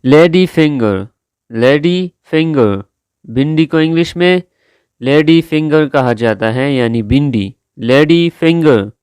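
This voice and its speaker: Here an Urdu-speaking man teaches English vocabulary slowly, repeating every word through careful, stretched-out pronunciation drills. His voice is on the high side, expressive, darkish and clean, captured dry at studio quality.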